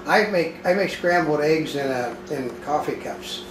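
A man's voice: a little high, measured pace. A man co-hosting a casual home cooking demo, talkatively giving tips and addressing viewers as folks. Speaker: cooking show co-host. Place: home kitchen, indoors. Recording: echoey kitchen with clear background noise.

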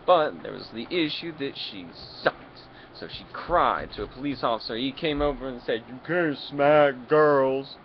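A man vlogging a rambling comic monologue full of absurd, boastful jokes, his loudness jumping around. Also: mid-range voice, animated, normal speed, hardly any pauses. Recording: dull lo-fi audio, faint vehicle noise.

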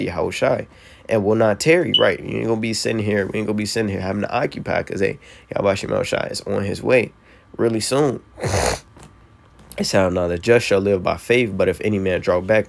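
A man reading old-style Bible verses aloud and breaking them down in relaxed slang for a video, tagging lines with "man" and "so, hey". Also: lowish voice, creaky. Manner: reads King James verses then explains in street slang, "man" and "hey". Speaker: scripture teacher. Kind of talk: casual scripture breakdown video.

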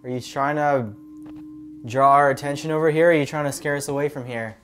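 A man investigating a haunting, asking questions in a hushed voice during a casual ghost-hunting session. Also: a little high, steady tone, fairly quick. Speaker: paranormal investigator.

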